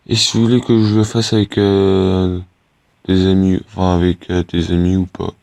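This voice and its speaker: A teenage boy with a low, deep voice talks his viewers through a game in loose, rambling chat. He stops and restarts a lot and fills the gaps with hesitant fillers. The recording is dry and close. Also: flat delivery, moderate pace, gravelly, darkish tone, dry recording. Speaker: gaming YouTuber. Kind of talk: casual gameplay commentary.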